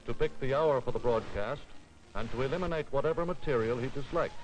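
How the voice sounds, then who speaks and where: A man's voice: medium pitch, low-quality recording. Authoritative man narrating an old newsreel. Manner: formal, authoritative, declamatory. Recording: old film soundtrack with music bed.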